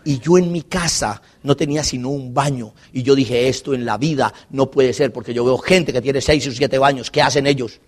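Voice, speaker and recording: A man's voice: medium pitch, moderate pace, hardly any pauses. A Colombian man speaking as a motivational speaker, telling humorous life stories to a live audience and asking them questions. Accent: Colombian Spanish. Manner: animated, asks the audience questions and jokes. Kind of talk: live storytelling talk to an audience.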